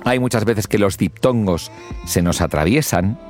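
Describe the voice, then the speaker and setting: Middle-aged male host, low register, very expressive delivery, coaching tone. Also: normal speed, soft background music. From Spain. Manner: lively, demonstrates pronunciation with exaggerated examples. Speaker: podcast host and public speaking mentor. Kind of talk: instructional podcast talk.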